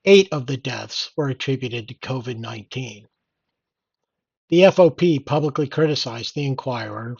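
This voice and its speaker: A man's voice: mid-range voice, gravelly, dry recording, dull audio. An older man reading out and commenting on news in an indignant, sardonic old-man rant. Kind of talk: opinionated read-aloud news commentary.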